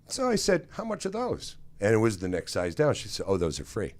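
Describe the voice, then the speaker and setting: A man co-hosting a talk show in a radio studio, launching into an exasperated comedic rant. His pitch swoops high and low as he mocks everyday annoyances, breaking into laughter along the way. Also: a little fast. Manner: animated, exasperated, mocking, laughing. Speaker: co-host.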